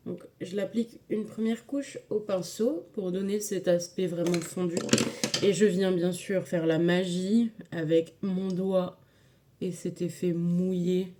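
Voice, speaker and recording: A woman with a lowish, mellow voice talks viewers through a makeup tutorial a little slowly, her intonation fairly even. She is casual, chatty and full of fillers and hesitations, clearly enthusiastic about the products.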